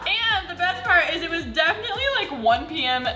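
A woman's voice: extremely high pitch, very animated, fairly quick. A young woman co-hosting a cooking show, giggly and tipsy, chatting and telling stories playfully with some swearing. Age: young adult. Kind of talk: casual chat and anecdotes. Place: bright home kitchen. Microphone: camera across the counter. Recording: echoey room with music. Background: background music.

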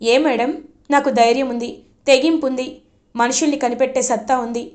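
A woman's voice: high-pitched, steady tone, brisk, a little mellow, lightly acted. A woman reading as an earnest, determined young girl.

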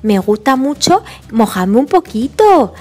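A woman's voice: sits high, big pitch swings, a little slow, darkish tone, heavily acted. A woman with a Spain Spanish accent voicing a small, carefree toddler boy pig who talks in a babyish, sing-song way.

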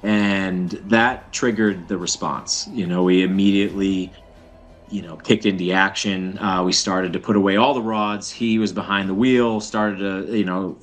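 A man in his thirties on a webcam video call, recounting a rescue at sea in a halting way, full of "uh" and "you know". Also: low voice, steady tone, faint music behind. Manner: halting, many fillers and pauses. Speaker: fisherman describing a rescue. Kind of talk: casual interview account. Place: indoor room at home.

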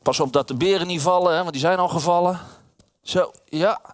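A man's voice: high voice, brisk, no room sound, clean studio sound. A man reading a children's story aloud to a group of children in a room, playful and addressing them directly.

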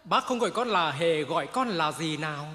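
A woman playing a patient gentleman master who questions and scolds his clown servant in a traditional chèo stage comedy, with some sung lines. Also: low voice, lively intonation, fairly quick, in a large hall. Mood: chiding. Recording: stage performance, loud live music.

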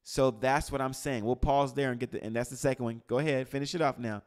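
Male preacher, mid-range voice, teaching a live group; calls on listeners by name, goes from loud to hushed. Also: mid-range voice, fast talker. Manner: quizzes the room, calls on people by name; animated, swings from loud to hushed. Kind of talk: interactive sermon. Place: church gathering with a live group.

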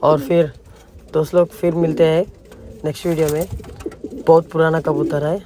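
A man's voice: a little high, little pitch movement, moderate pace, noisy background. Chatty man showing his pigeon loft. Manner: chatty, explaining to visitors. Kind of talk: casual vlog walkthrough. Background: pigeons cooing.

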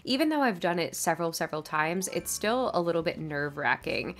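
A woman's voice: lowish voice, animated, a little fast, faint music behind. A young woman gushing in casual gameplay commentary, with a sleepy morning voice. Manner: bubbly, gushing, chatty. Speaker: gaming YouTuber.

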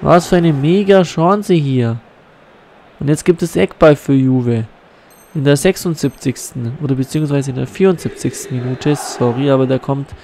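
Stuffed up with a cold, a man who makes gaming videos for YouTube talks through a football game as he plays it, using a USB condenser mic at home. He sounds rather high-pitched with a darkish tone, and there's slight background noise.

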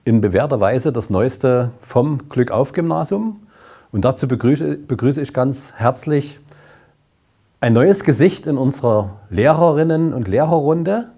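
A man in his sixties, a school principal, speaking formally and at a measured pace to the camera in a classroom, on a lapel mic. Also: mid-range voice, animated, dark tone. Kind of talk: welcoming, explanatory address to camera.

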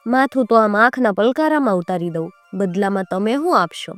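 A shrewd, loud-mouthed village barber, as a woman storyteller puts him on, haggling. The voice sits mid-pitch in a dry, close recording, with faint music beneath. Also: expressive, fairly quick, no room sound, natural voice. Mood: sly. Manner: bargaining, shouting for justice.

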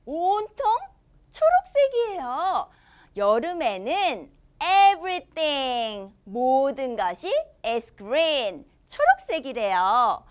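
Reading from a storybook for young children, a woman in her thirties speaks in a high, very animated voice. She delivers the English lines slowly and with exaggerated care, then cheerfully explains them in Korean, all in a studio before a green screen.

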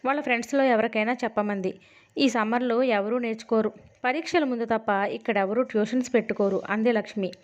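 A woman's voice: on the high side, fairly even intonation, brisk. A woman reading a novel aloud as an audiobook, shifting her voice a little for the characters' dialogue. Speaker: audiobook narrator. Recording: dull lo-fi recording.

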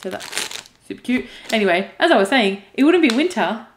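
A woman's voice: fairly high pitch, expressive, a little fast, roomy sound, a little hiss or hum. A woman chatting casually as she unboxes craft goods, gushing, emotional and laughing often. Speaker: cross stitch vlogger.

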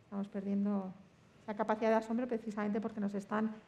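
A woman's voice: mid-range voice, flat delivery, quick pace, creaky, mellow, dull audio. A woman with a Spain Spanish accent, speaking as a seminar panelist. She gives thoughtful remarks and often restarts her sentences. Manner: thoughtful, with many restarts and fillers. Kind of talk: discussion remarks.

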